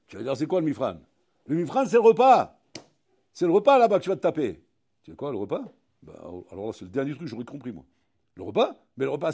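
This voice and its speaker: A man, a rabbi, giving a recorded Torah lesson in an animated, direct way, speaking straight to his listeners and acting out little dialogues. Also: medium pitch, slightly rough. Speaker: rabbi teaching a Torah class.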